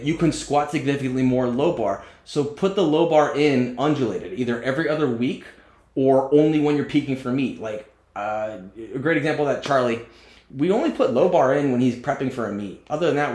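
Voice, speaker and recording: A man's voice: medium pitch, darkish tone, echoey room. A man in his forties, a strength coach and podcast host, talking bluntly and joking in casual chat. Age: 40s.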